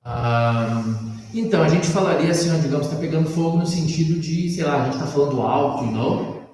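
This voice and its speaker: A man's voice: fairly high pitch, a little fast, darkish tone, a little hiss or hum. A man with a Brazilian Portuguese accent teaching English one-on-one. He explains patiently and keeps checking that his student understands. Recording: echoey room, mic at a distance.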